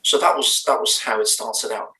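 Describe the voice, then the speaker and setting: The band's lead singer, a Dane with a Danish accent, picks his way through interview questions over a remote link, stopping, restarting and filling gaps. He talks at a moderate pace in a medium, bright, forceful voice with fairly even intonation. The audio is poor, roomy, and captured from a distance.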